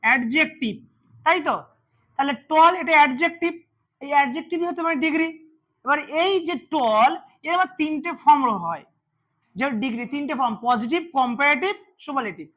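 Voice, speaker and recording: A man's voice: very high voice, a little fast, fairly bright tone. A man teaching English grammar to a class, repeating words and quizzing his students as he goes. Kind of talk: classroom lesson.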